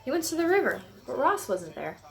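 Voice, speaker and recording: Gentle woman reading a picture book. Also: high-pitched, very animated, brisk, creaky. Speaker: storyteller. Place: at home on a couch.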